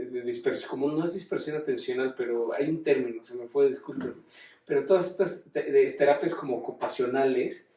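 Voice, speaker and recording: A man's voice: mid-range voice, mellow. A man giving an informal class, talking conversationally with frequent restarts and rhetorical questions. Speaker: teacher. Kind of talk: informal lecture. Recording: roomy room, distant mic.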